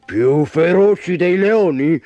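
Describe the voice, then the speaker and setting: A man's voice: high-pitched, wildly swooping pitch, unhurried, slightly rough, no room sound, muffled recording, soft background music, pitched above the performer's own voice, exaggerated voice. A man voicing a vain, touchy female tiger in a children's storybook. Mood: pleased.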